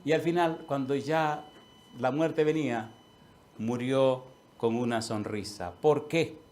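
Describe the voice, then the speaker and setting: Emphatic older pastor preaching. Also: male voice, mid-range voice, takes it slowly. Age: 60s. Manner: emphatic, swinging between loud declarations and hushed asides. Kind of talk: sermon with personal storytelling.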